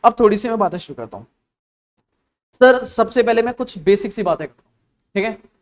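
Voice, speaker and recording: Indian man lecturing with quick questions. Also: high voice, lively intonation. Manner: quizzing students with repeated questions. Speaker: teacher. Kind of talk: classroom lecture.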